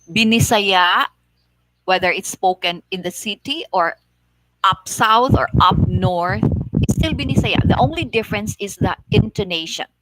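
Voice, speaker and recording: A woman from Negros Oriental with a Filipino accent, explaining things in a measured, casual way with many repeats. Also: medium pitch, a bit bright, rough recording. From Philippines, Negros Oriental. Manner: slow, measured explaining with frequent "like" and repetitions. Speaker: vlogger.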